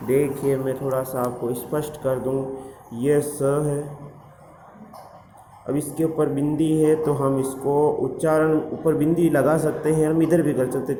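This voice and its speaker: A male teacher giving a grammar lesson, explaining slowly and often asking his students questions. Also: mid-range voice. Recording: echoey room with faint background noise.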